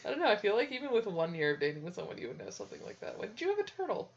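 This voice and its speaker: A woman's voice: mid-range voice, wildly swooping pitch, rapid-fire, a little hiss or hum. A young woman co-hosting a casual podcast, giggling and laughing often, on dull lo-fi audio. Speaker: podcast co-host. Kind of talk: casual chat.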